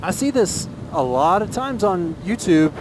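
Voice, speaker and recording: Loud wind and engine noise fill this helmet-mic recording of a Texan motovlogger sharing his views mid-ride. He speaks in a high, very animated voice at a measured pace, casual yet earnest, often repeating phrases to stress them.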